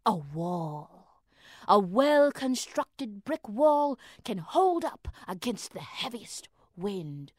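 A woman voicing a great wind in a breathy, whispery manner. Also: mid-range voice, big pitch swings, very slow, no room sound, clean studio sound, heavily acted. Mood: sweeping. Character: great blustery wind, airy and sweeping.

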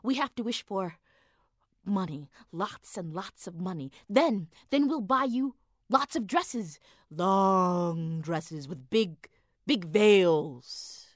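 Brief: woman playing a sly, bossy husband in a spoken folk tale, lively up-and-down delivery, dry close sound. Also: on the low side, a little slow, breathy edge, no room sound. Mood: wheedling. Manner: scornful, then wheedling and persuasive.

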